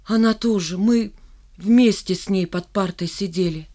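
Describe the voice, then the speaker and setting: A reader voicing an earnest, devoted schoolboy in an audiobook, pleading and loud. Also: mid-range voice, unhurried, natural voice. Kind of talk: audiobook character reading.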